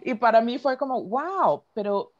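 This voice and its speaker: A Venezuelan woman in casual conversation, telling stories in an animated way and laughing often. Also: on the high side, unhurried, dull audio.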